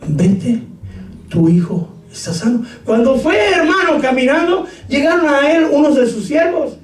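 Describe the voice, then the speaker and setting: Shouting preacher in an echoey hall. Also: male voice, extremely high pitch, animated, a little slow. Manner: shouts scripture, jokes with congregation. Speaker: pastor. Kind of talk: sermon. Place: church hall. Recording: echoey room, far from mic.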